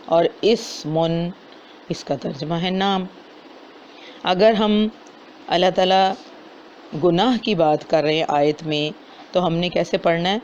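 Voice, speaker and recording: A man giving a lesson on correct recitation, stopping to sound out words slowly as examples. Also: high-pitched. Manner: slows down to demonstrate correct pronunciation. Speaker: Quran recitation teacher. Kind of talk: explanatory lesson with demonstrated recitation. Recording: dull lo-fi recording with faint noise.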